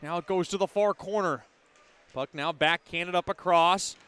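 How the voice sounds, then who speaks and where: High-voiced male hockey play-by-play announcer. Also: moderate pace, a bit bright, smooth, no echo. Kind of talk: live sports commentary.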